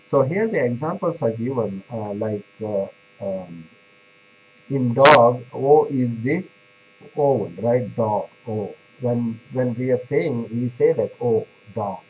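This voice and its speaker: A male pharmacy lecturer talks students through the material slowly, pausing on fillers and restarting his sentences. He keeps checking in with a quick "right?" as he explains. The recording is dull and lo-fi, with a faint electrical hum underneath. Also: medium pitch, lively intonation, darkish tone. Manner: halting, many fillers and restarts. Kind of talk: classroom lecture.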